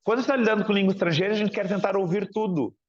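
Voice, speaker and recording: Rapid-fire and high-voiced, a Porto Alegre man lectures a class in southern Brazilian Portuguese, frequently putting questions to students. He's conversational, closing phrases with tag questions, and the audio sounds dull.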